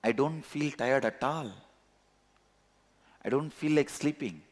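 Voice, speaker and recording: A man with a thick Tamil Indian accent, a native Tamil speaker, giving a religious discourse as a spiritual teacher, emphatically repeating key words with pauses. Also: mid-range voice. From Tamil Nadu, India. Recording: long hall reverb.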